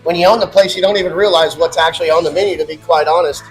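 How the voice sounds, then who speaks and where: Man, restaurant owner, chatty, fairly high voice, faint music behind. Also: fairly even intonation, racing. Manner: chatty, laughs often. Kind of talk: casual chat while eating. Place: barbecue restaurant.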